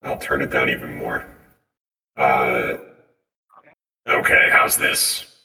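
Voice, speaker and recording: A man's voice: rumbling low, little pitch movement, slow pace, vocal fry, pushed and bright, echoey room. A man talking through a voice changer mixed with auto-tune, a tabletop game player roleplaying in blunt, teasing banter. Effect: voice changer filter mixed with auto-tune.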